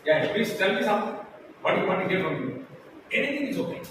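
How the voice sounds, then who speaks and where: A man's voice: sits high, very animated, fast. A middle-aged man giving an informal, interactive lecture, conversational and often checking with his listeners. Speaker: guest lecturer from industry. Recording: echoey hall, distant mic, noisy background.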